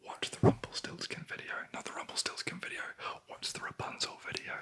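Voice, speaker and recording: A sleep story narrator whispering a fairy tale in a breathy ASMR voice, with dry, wry asides. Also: brisk. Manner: wry, deadpan commenting on the story.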